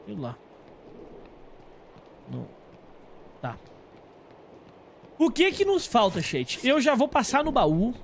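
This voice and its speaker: Animated high-pitched Brazilian man streaming a game. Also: slow pace, creaky, long pauses, slight background noise. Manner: informal, slangy, thinking aloud. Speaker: game streamer talking to live chat. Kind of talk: casual gameplay commentary.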